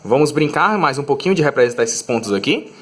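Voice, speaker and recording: A man teaching a math lesson to middle schoolers. He speaks at a medium pitch and explains patiently, one step at a time. He keeps checking in with short questions to make sure his students follow. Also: animated, fast talker, a bit bright, slightly rough. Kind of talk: recorded classroom lesson.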